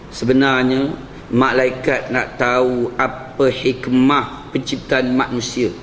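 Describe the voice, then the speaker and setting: A man's voice: a little high, fairly bright tone. A man giving an evening lecture in a mosque, often addressing the congregation and playing with his intonation. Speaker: preacher. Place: mosque prayer hall. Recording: echoey hall with faint hum.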